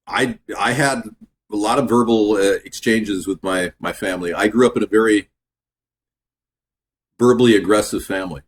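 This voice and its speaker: A man hosting a casual home cooking video in his kitchen, chatting in a relaxed, rambling way that drifts off topic. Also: fairly low pitch, normal speed, pauses often. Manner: relaxed, filler-heavy talk. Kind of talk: casual cooking vlog chat.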